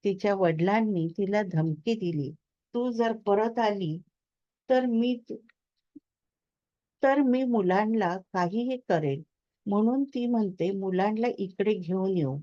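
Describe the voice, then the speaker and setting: A woman's voice: mid-range voice, slow pace, pauses often, dark tone, dry recording, highs cut off, natural voice. A woman reading the part of a troubled young husband who speaks in a subdued, hesitant way.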